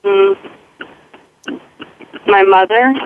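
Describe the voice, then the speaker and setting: A woman's voice: a little high, sing-song, drawn-out words. A woman calling into a radio show from her car, talking hesitantly and self-consciously with restarts. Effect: radio show caller heard over a phone line. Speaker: caller. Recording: tinny phone line with faint car noise.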